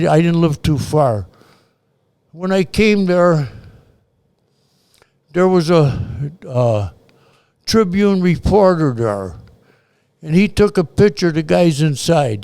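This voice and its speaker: A man's voice: fairly high pitch, expressive, slow, long pauses, mellow, clear, resonant tone. An older man telling a blunt, profane story from his past in a casual chat. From Chicago. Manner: blunt, profane, acts out quoted voices. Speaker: storyteller guest.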